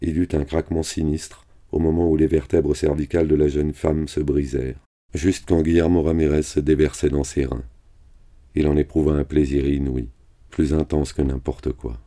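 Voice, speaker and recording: Male reader with an extremely deep, dark voice, flat and steady, reading a novel aloud. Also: normal speed.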